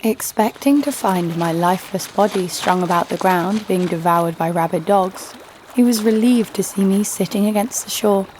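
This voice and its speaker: A woman delivers scripted first-person narration in an audio drama as a fearless, sardonic bounty hunter, relating her own story with wry, dry snark. Her mid-range, darkish voice sounds natural and moves at a normal pace. The rough recording has music under the voice and slight background noise.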